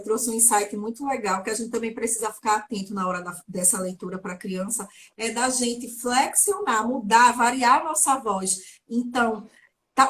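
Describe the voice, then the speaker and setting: A woman's voice: a little high, a bit bright, a little hiss or hum. A woman speaking as a guest speech therapist in a live online chat, giving practical tips with everyday examples. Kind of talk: casual explanatory live chat.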